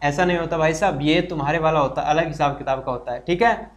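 A high-voiced man runs a live online exam-prep class. He is chatty and encouraging, repeats every point and keeps asking his students questions. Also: fast talker. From Haryana, India. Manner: greets viewers and reads their comments aloud. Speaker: teacher.

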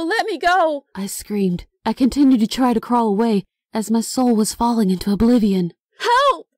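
A woman narrating her own horror novel with a mellow, relaxed tone and a dramatic, expressive delivery. The recording is close and dry, with no room sound. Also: mid-range voice, dry recording. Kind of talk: scripted audiobook narration.

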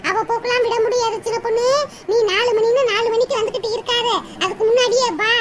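A woman's voice: very high-pitched, steady tone, fast. A woman voicing a bossy village auntie in a cartoon, chiding and instructing. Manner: scolding, chiding rural speech. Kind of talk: cartoon voice acting. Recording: loud noise over the recording.

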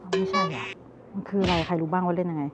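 A travel vlogger in her thirties chats with viewers as she tastes snacks and browses a market, commenting on everything in a casual food and market vlog. Her voice is lowish and steady, fast-paced and set over loud music. The handheld camera, held at arm's length outdoors, gives a muffled recording with street noise.

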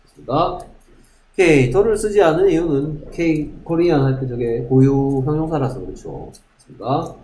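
A man teaching English grammar to a class, talking briskly, checking often that students follow and reading English example sentences slowly. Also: fairly high pitch, animated, warm tone, reverberant, a little hiss or hum, low-quality recording.

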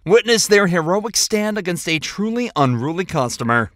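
A man's voice: high voice, sing-song, normal speed, a little hiss or hum. A man narrating a clip compilation in a punchy, dramatic scripted voice-over.

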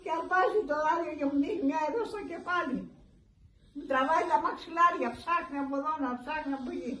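An older woman in her eighties with a high voice tells her story in a rambling, lively way during a news interview. She sounds a little distant from the mic, in an echoey room with faint ambience behind her. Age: 80s. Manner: rambling, vivid retelling that acts out dialogue. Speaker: interviewee, burglary victim. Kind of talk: recounting events in a news interview.

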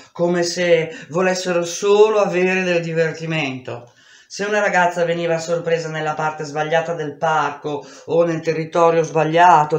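A woman reading a memoir aloud in an intense, expressive way, shouting out the dialogue. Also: low-pitched, reverberant. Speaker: reader. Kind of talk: dramatic audiobook reading.

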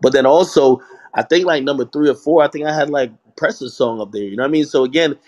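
A man's voice: medium pitch, quick pace, darkish tone, highs cut off. Rambling young man in casual chat. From Jamaica. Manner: rambling, many restarts and "you know what I mean". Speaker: hip hop media personality. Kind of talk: casual audio chat room conversation.

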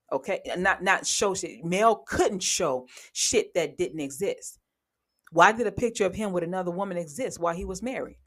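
A woman giving blunt, sarcastic, heavily profane commentary on reality TV gossip, speaking with sudden animated outbursts. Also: on the low side. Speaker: commentary vlogger.

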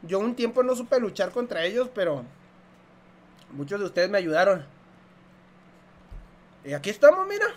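A man's voice: high-pitched, very animated, normal speed, pauses often. Slangy Mexican man reviewing food. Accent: Mexican Spanish. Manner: joking, slangy and profane, chews between lines. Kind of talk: casual eating review vlog.

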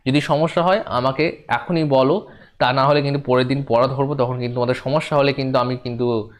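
A man giving a demo class to students, explaining slowly and repeating each point as he speaks to them directly. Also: mid-range voice, fairly even intonation. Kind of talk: classroom lesson.

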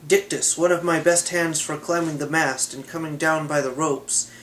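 A man reads an old myth aloud in a steady, measured way. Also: fairly high pitch, slight background noise, low-quality recording. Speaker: reader.

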